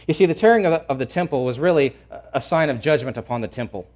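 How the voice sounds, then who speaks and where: A man preaching a sermon, swinging from loud to hushed and repeating phrases for emphasis. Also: medium pitch, lively intonation, quick pace. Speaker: pastor.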